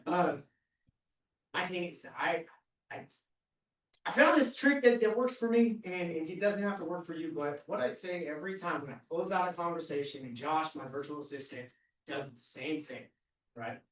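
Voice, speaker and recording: A man with a fairly high voice speaks casually on a discussion panel and leans on frequent fillers. The sound is distant and roomy. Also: moderate pace, fairly bright tone. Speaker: real estate agent panelist. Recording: echoey room, mic at a distance.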